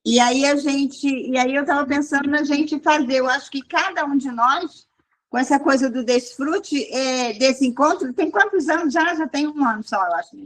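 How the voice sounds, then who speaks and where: A woman sharing a casual, rambling testimony with a church group, restarting often. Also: high voice. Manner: rambling, restarts often, quotes people in raised voice. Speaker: group leader.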